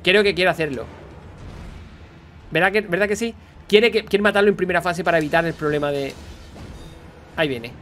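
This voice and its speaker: A man's voice: high-pitched, moderate pace, pauses often, fairly bright tone, soft background music. A man with a Spanish accent from Spain, hosting a reaction video and chatting as he explains gameplay. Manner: chatty, explains and laughs along. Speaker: reaction host.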